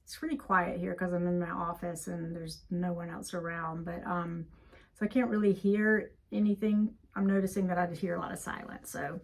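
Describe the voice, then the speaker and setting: A woman therapist with a creaky voice talks listeners through a calm grounding exercise in an informal, unscripted way, recorded in an office. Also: fairly low pitch. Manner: conversational, unscripted, filler-heavy. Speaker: therapist teaching a mindfulness exercise. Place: office, indoors.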